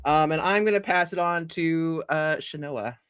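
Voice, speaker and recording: A man's voice: fairly high pitch, normal speed, a bit bright, clear, resonant tone, no room sound, studio quality. A man introducing himself as a player on a tabletop game stream, bubbly and joking. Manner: bubbly, joking, self-deprecating. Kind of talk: casual chat on a game stream.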